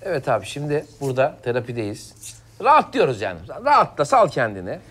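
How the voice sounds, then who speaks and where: An actor playing an eager, placating amateur therapist in a comedy sketch. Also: male voice, mid-range voice, wildly swooping pitch, quick pace, fairly bright tone. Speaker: psychologist.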